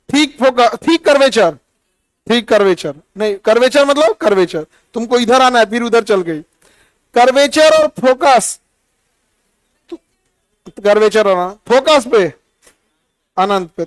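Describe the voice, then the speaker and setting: A man's voice: sits high, no echo. A middle-aged man teaching a physics lesson in a classroom, quizzing and teasing his students by name.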